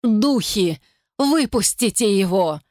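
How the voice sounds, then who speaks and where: A woman's voice: mid-range voice, lively intonation, slow, darkish tone, no room sound, clean studio sound. A woman voicing a frantic old woman in a storybook, shrieking and sobbing as she begs for help. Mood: frantic agony.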